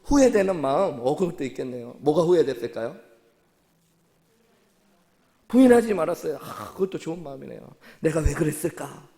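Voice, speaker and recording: A man's voice: on the high side, sing-song, fast talker, dark tone. A man preaching a sermon as pastor, asking his congregation questions and repeating their answers back. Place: church sanctuary. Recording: long church hall reverb.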